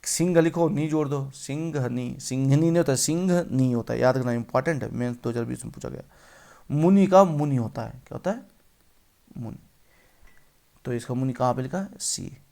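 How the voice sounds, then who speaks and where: A man's voice: mid-range voice, normal speed, vocal fry, dark tone. A male teacher running an exam-prep spelling lesson, repeating each word and quizzing the viewer.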